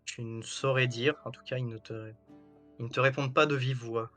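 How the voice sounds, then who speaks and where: Guy running a tabletop rpg, describing the scene, soft music underneath. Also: medium pitch, steady tone, normal speed. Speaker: game master. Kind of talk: narrating a tabletop role-playing game.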